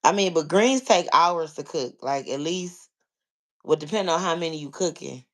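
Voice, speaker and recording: An American vlogger talks in a loose, conversational way, as if chatting with listeners. The speech explains things step by step in a casual register, circling back and padding phrases with "like" and "you know." The pitch sits in a middle range between typical male and female voices. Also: normal speed. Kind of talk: casual chat, answering listeners.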